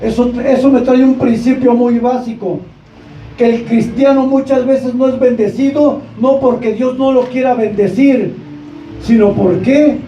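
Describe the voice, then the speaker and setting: A male pastor preaching a sermon in a church, asking the congregation questions and rising to shouts. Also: extremely high pitch, fairly even intonation, unhurried, slight background noise. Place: church sanctuary. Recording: echoey church room, distant mic, dull sound.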